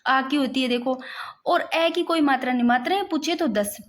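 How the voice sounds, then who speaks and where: A young woman gives a casual classroom explanation of Hindi grammar, writing examples as she talks and insistently repeating "dekho" ("look"). Her voice sits high at a normal pace, with a little hiss or hum in the recording.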